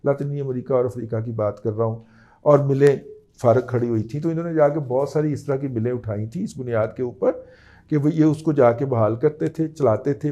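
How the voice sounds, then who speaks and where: A man's voice: mid-range voice, warm tone. A man, giving an emphatic news-analysis monologue as a political commentator, often checking in with the listener.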